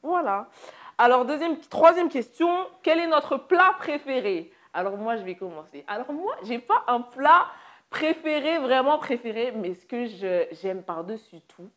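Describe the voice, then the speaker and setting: A young woman from France co-hosting a casual question-and-answer chat with her father, leading the questions in a lively way. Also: a little high, measured pace. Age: young adult. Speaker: co-host.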